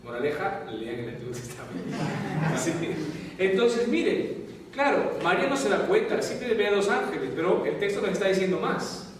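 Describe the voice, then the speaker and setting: A man's voice: high-pitched, sing-song, normal speed, background noise. A man with a Peruvian Spanish accent, a priest teaching a Bible class, who keeps checking in with his students. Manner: asks the class constant check-in questions. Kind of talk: classroom lecture. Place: classroom or lecture hall. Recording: very echoey hall, voice far from mic.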